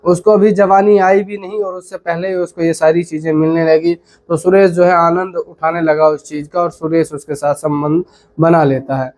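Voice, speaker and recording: A man's voice: on the high side, flat delivery, moderate pace, darkish tone. A man casually retelling a true story aloud, rambling along with lots of filler phrases.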